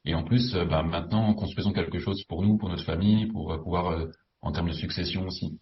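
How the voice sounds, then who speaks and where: A man interviewed as a property investor, explaining his choices in a measured, reflective way. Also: sits low, steady tone. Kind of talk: interview conversation. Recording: distant, dull, faint hiss.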